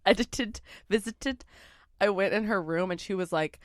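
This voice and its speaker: A young woman chats loosely on a podcast, dropping curses and laughing as she eats. Her voice comes through smooth and clean. The sound is close and dry. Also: mid-range voice, moderate pace, dry recording. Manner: profane, laughing, eating while talking. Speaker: podcast co-host. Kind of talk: casual chat over a meal.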